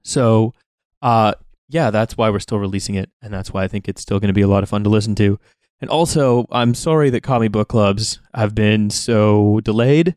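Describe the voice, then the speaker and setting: A man hosting a podcast, speaking alone in a casual, somewhat halting and rambling introduction. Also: fairly low pitch, a little mellow, dry recording, studio quality. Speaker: podcast host.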